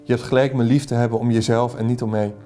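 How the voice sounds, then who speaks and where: A melancholy young woman in love, voiced by a man reading from a novel. Her anxious lines are read at a slightly lifted pitch in a dark, mellow tone. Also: level tone, fast, soft background music, close to an everyday voice.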